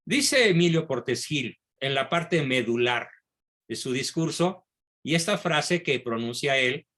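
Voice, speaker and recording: A man giving a history lecture, reading passages of a speech aloud slowly and repeating key phrases. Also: mid-range voice, lively intonation, sharp tone.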